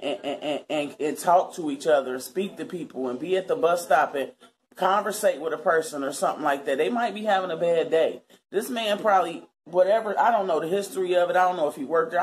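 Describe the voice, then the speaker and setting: With a low, somewhat mellow voice, a woman in her thirties vlogs from her living room in Cincinnati, Ohio, US. She talks to camera in a chatty, earnest, casual way and keeps calling viewers y'all.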